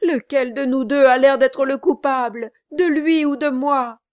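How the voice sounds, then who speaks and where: A woman reading an audiobook aloud, voicing an honest young male servant who pleads loudly and anguished. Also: high-pitched, fairly even intonation, measured pace, no room sound, studio quality, voice pushed up.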